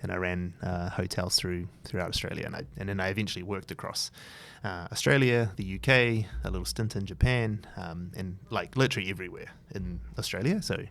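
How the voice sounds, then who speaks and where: Guest, NZ man, 30s, low voice, easygoing and rambling with lots of "like". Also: steady tone, brisk, creaky, hardly any pauses, a bit bright. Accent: New Zealand. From New Zealand. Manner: loose and rambling, many fillers and restarts. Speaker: guest, entrepreneur. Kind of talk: casual interview chat. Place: his office.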